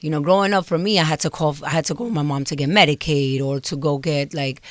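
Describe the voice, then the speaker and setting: A woman's voice: low-pitched, fairly even intonation, fast talker, no echo. A Dominican-born woman who grew up in Brooklyn, chatting casually as an interview guest and switching between English and Spanish. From Dominican Republic. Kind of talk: casual bilingual interview chat.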